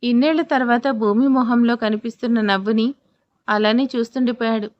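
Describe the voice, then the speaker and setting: Female audio-story narrator, steady delivery, slightly dull lo-fi sound. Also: on the high side, fairly quick, no room sound.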